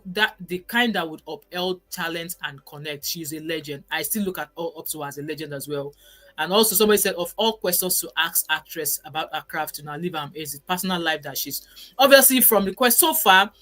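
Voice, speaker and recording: A woman's voice: fairly low pitch, bright, forceful tone. A Nigerian woman in her forties hosting a casual live stream, reading viewer comments in an emphatic, chatty way and dropping in pidgin words. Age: 40s.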